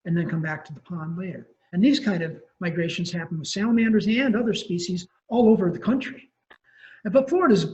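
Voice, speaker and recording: Rambling professor in lo-fi webinar audio. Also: male voice, sits high, darkish tone. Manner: casual, rambling, frequent ums and self-corrections. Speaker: wildlife ecology professor presenting a webinar. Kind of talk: conversational lecture.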